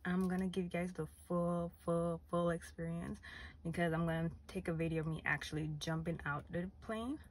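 A woman's voice: on the low side, fairly even intonation, moderate pace. A young woman chatting casually to the camera as a vlogger, sitting inside a car. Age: young adult.

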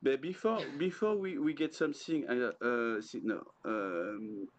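An older man, a native French speaker, talking in halting, jokey English with a French accent on a casual livestream. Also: medium pitch, crowd noise. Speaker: guest dad on a livestream. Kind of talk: casual livestream chat while scratching lottery tickets. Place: small indoor room. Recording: clearly noisy livestream room sound.

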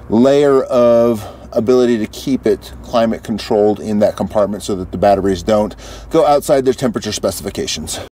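A man's voice: mid-range voice, warm tone. A man giving a casual, matter-of-fact walkthrough as an RV vlog host.

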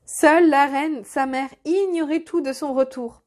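High-voiced woman reading a fairy tale. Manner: measured, expressive reading. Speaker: storyteller. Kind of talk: reading a children's story aloud.

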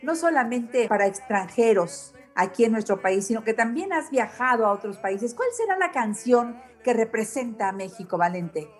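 A woman's voice: a little high, expressive, normal speed, few pauses. A woman with a Mexican accent hosting a radio interview, effusive and affectionate, full of exclamations. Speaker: radio show host.

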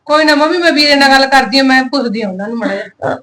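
Woman doing a sister-in-law, talks fast, comforting. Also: high voice, pushed and bright. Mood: concerned. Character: concerned young Punjabi sister-in-law.

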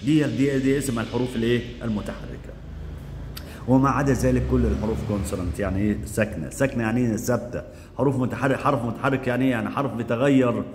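A man teaching English grammar in Egyptian Arabic. He asks quick questions and answers them himself, and he drills the word forms aloud. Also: medium pitch, a little mellow, big-room sound, a little hiss or hum. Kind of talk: classroom grammar lesson.

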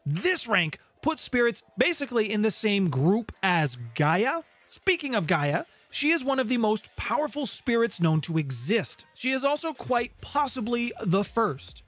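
Speaking into a shielded studio condenser mic up close, a man in his thirties with a high, somewhat bright voice presents a semi-scripted explainer to camera for his tabletop game lore channel. He's emphatic, stretching key words for weight, while music plays under him in his small home music room.

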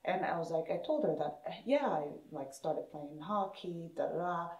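A woman from Somalia telling her personal story in an interview, animated, acting out other people's words in a higher voice. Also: moderate pace. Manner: animated, acts out quoted speech with rising pitch. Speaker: interviewee, hockey parent and player. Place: indoors in a room with equipment shelves. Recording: roomy, echoey indoor sound.

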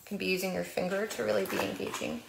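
American woman, library storytime host, sing-song and playful, slight vocal fry, echoey room. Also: medium pitch, little pitch movement, quick pace, noisy background. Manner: playful sing-song when reading, with animal sounds. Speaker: children's librarian. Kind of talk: storytime reading and early literacy tips.

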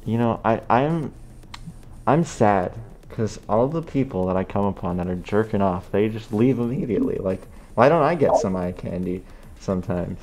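Low-voiced man, dry and teasing. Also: normal speed, faint music behind. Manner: calm, dry, teasing humor. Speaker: fursuiter chatting with strangers on a video chat. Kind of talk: casual video chat. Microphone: talking from inside a fursuit head.

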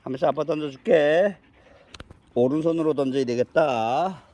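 A man's voice: fairly high pitch, moderate pace, very noisy. A man playing with his dogs outdoors, coaxing and scolding them in baby talk and calling himself their dad. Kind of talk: casual talk to pets. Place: outdoors in a garden plot.

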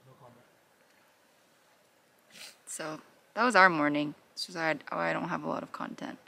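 This young adult woman has a deep, gravelly voice that's pushed and bright, steady in tone and at a moderate pace. A vlogger on a camping trip, she chats casually to a camera held at arm's length, sharing stories and playful asides with viewers from the campsite and inside a car.

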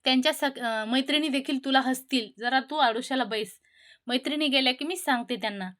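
A woman's voice: high voice, fairly quick, a bit bright. A woman voicing a nervous young palace maid in a devotional tale. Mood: anxious. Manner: anxious, then earnestly vowing.

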